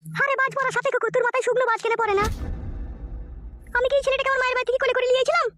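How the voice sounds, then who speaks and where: A woman's voice: very high voice, steady tone, racing, a bit bright, no room sound, studio quality, soft background music. A woman voicing a bitter, quarrelling mother in a cartoon who scolds and curses. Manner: scolding, cursing, whining.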